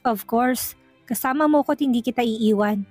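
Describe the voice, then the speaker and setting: A woman reading the lines of a loving, tearful young husband in a gentle, soothing way, with soft music behind. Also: on the high side, moderate pace, no echo, close to an everyday voice. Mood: tender.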